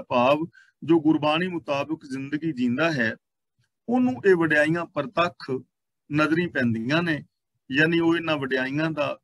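A man with a Punjabi accent teaching scripture, reciting verses slowly and then explaining them line by line. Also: fairly high pitch, no room sound.

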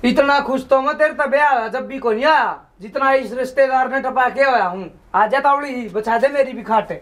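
A man's voice: very high-pitched, normal speed, a bit bright. A young man with a Haryanvi accent playing an exasperated, scheming brother-in-law in a village comedy skit. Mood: relieved. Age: young adult. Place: open concrete house courtyard, outdoors. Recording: outdoor ambience, faint noise.

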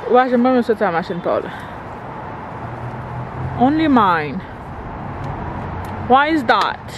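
A woman's voice: fairly high pitch, big pitch swings, extremely slow. A woman, vlogging in a chatty, playful way outdoors by a car and at a mall. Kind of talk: casual vlog chat. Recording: street and car noise behind.

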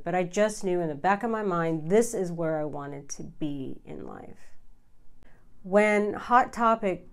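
A middle-aged woman shares personal stories to camera in a smooth, slightly low voice. She takes her time, informal and confiding, leaving deliberate pauses between phrases. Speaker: vlogger. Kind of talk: candid personal storytelling to camera. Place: small furnished room indoors.

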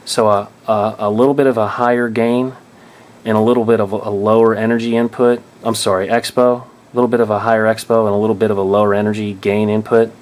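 Low-voiced man explaining drone settings. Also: flat delivery, quick pace, darkish tone. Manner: thinking aloud, frequent restarts and self-corrections. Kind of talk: casual tutorial explanation. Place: indoors at a table.

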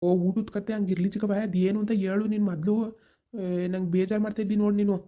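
A woman's voice: mid-range voice, level tone, fast talker, mellow, lightly acted. A woman voicing a kind young village man in a cartoon, insistent and reassuring. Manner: insistent, reassuring, talks over worries. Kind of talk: cartoon voice acting.

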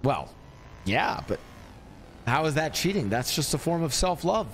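A man's voice: fairly high pitch, sing-song, a little slow, a bit bright, slight background noise. A man in a game roleplay, playing a self-appointed Cupid who teases and coaxes in a playful salesman patter.

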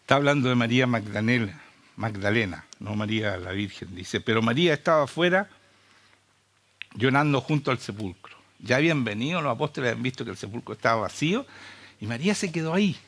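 A man's voice: medium pitch, animated, fast, a bit bright. A Chilean man preaching a sermon with urgent, impassioned rhetorical questions.

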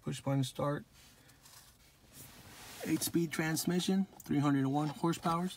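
A man filming on a phone in a car lot, showing viewers a new car in a relaxed, offhand way. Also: fairly high pitch, a little slow, a little hiss or hum. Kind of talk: casual walkaround video. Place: outdoor car dealership lot and inside a car. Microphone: phone held in hand while filming.

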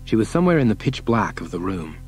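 A man narrating an audiobook in a steady, measured reading. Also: lowish voice, soft background music, rough recording. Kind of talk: scripted narration.

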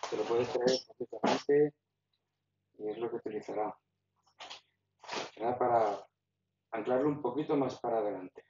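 In an echoey garage with a roll-up door, a hobbyist kayak angler casually shows how he rigs his gear, pausing often and talking in a stop-start way as he works. His voice is medium-pitched at a moderate pace. The handheld phone mic sits at a distance, making the recording dull and noisy.

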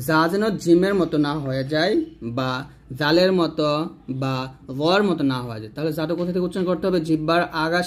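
A man teaching Quran reading, slowly spelling out letters and vowel marks syllable by syllable and often repeating warnings to be careful. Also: on the high side. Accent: Bangladeshi Bengali. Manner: slow, drawn-out syllable-by-syllable recitation with repeated warnings. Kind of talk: slow instructional spelling-out of letters.

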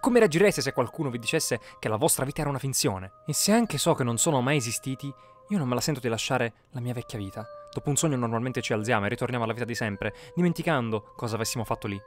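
A man's voice: medium pitch, animated, quick pace, hardly any pauses. A man narrating a first-person horror story with tense, dramatic delivery. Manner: tense storytelling, bursts of shouting in quoted lines. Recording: music bed behind the voice. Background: music.

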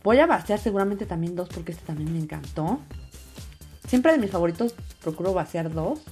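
Female craft tutorial narrator, medium pitch, casual, repeats words for emphasis, light music bed. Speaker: host of a slime craft channel. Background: background music.

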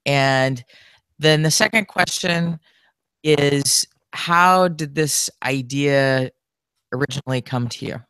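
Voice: mid-range voice, takes it slowly, fairly bright tone, clean tone, no echo. A young adult in the audience asking two careful questions.

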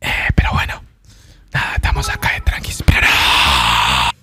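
A man's voice: rumbling low, level tone, measured pace, vocal fry, over music. A man with an Argentine accent, streaming in a joking whispered ASMR style into a desk microphone. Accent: Argentine Spanish. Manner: joking, breaks into playful outbursts.

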